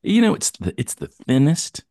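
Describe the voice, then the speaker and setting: A man's voice: a little high, huge pitch swings, moderate pace, darkish tone, dry recording, clean studio sound. A middle-aged man on a video call, reminiscing in an easygoing, wry way during a casual chat.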